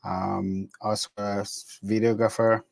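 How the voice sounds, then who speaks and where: A man's voice: fairly low pitch, level tone, measured pace, creaky, dry recording, soft background music. A man from Canada, a co-host photographer, introducing himself in an upbeat, straightforward way over a video call. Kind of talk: casual self-introduction.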